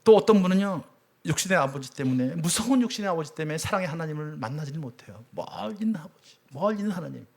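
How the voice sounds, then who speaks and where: Korean church elder preaching, storytelling. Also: male voice, on the high side, expressive, fast. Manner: storytelling with dramatic swings between loud and hushed. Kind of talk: sermon. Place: church sanctuary.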